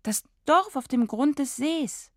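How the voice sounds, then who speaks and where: A woman doing a carefree mermaid girl, teasing and bright. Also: high voice, animated, slow pace, no room sound, clean studio sound, pitched above the performer's own voice, heavily acted. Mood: apologetic. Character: playful, mischievous mermaid girl. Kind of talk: radio drama read-aloud.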